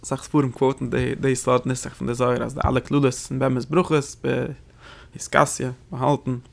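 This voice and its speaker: Gravelly-voiced man teaching a text lesson. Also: mid-range voice, little pitch movement. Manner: rapid explanatory delivery with rhetorical questions. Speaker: Torah teacher. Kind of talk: lecture explaining religious texts.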